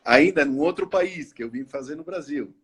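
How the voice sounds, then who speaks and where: A middle-aged Argentine man, a native Spanish speaker with an Argentine Spanish accent, tells his story as a guest on a live interview over a video call. His voice sits on the high side, fairly bright and husky, at a moderate pace. He hesitates often, restarts phrases, and keeps dropping in "né?".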